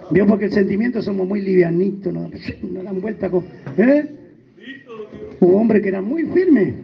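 A man's voice: high voice, creaky. A man preaching a sermon as pastor, emphatic, with sudden rises and drops. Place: church. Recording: muffled lo-fi church recording.

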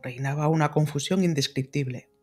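A man reading a classic novel aloud as an audiobook narrator, in a measured, dramatic style. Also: a little high, mellow, faint music behind. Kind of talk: scripted literary narration.

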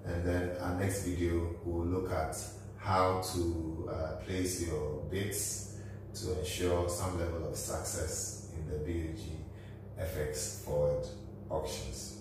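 A finance educator in his thirties gives a methodical whiteboard lesson in a small office, walking through the figures step by step. His voice is low, level and slow, picked up by a distant camera in an echoey room with a faint hum, so he sounds off-mic.

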